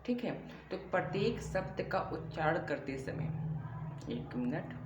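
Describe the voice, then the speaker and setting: A Hindi teacher with a high, very animated voice gives a classroom-style grammar lesson in an echoey room with a faint hum behind him. He explains slowly and repetitively, posing rhetorical questions along the way.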